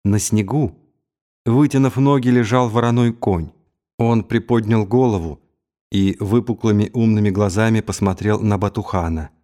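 A man reading an audiobook as its narrator, in a measured, unhurried way. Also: on the low side, warm tone. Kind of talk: scripted narration.

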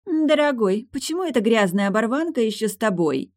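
A woman's voice: lowish voice, very animated, normal speed, no echo, studio quality. A woman voicing a spoiled, haughty young noblewoman who whines and pouts, in a read-aloud novel. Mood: capricious. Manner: capricious, whining.

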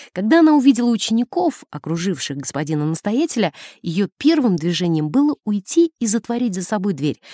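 A woman narrating a classic novel as an audiobook, reading in a measured, expressive way in a studio. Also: fairly low pitch, no room sound. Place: recording studio. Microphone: close studio mic.

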